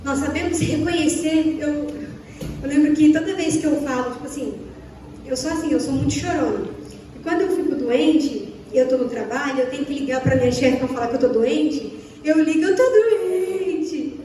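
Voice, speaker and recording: A woman's voice: sits high, a little fast, background noise. A young Brazilian woman preaching a sermon to a church, asking the listeners repeated questions and acting out little dialogues. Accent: Brazilian Portuguese. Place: church hall. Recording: echoey church hall, from far off.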